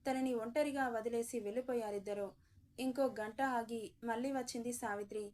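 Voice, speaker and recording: A woman narrating a dramatic romance story in an expressive, emotive storytelling manner. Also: fairly high pitch, moderate pace.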